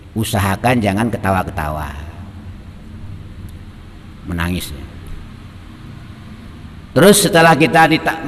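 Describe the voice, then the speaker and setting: A male Islamic preacher, teaching and telling a story in a lively, colloquial manner, quoting Arabic. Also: fairly low pitch, in a large hall, slight background noise. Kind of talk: sermon on a classical text.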